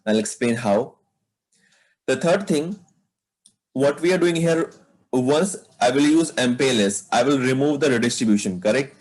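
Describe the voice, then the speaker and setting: In a rough recording, a man with a mid-range, darkish voice teaches networking in a live online class at a moderate pace, pausing often. He walks students through each step and keeps checking in with a "right?".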